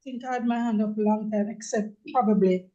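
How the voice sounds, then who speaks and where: A woman's voice: medium pitch, steady tone, a little fast, mellow, muffled recording. A woman speaking up as a webinar attendee over a video call, earnest and hesitant. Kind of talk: audience comment.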